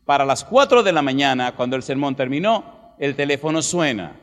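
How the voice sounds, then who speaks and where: A man's voice: medium pitch, sing-song, normal speed, fairly bright tone. A man preaching a sermon as a vivid storyteller who acts out quoted dialogue. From Dominican Republic. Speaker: pastor. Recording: long hall reverb.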